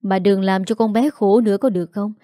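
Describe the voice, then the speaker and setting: A woman voicing a frail, sick old father who speaks softly and wearily. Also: mid-range voice, fairly even intonation, a little fast, no room sound, clean studio sound, close to an everyday voice. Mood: weary tender.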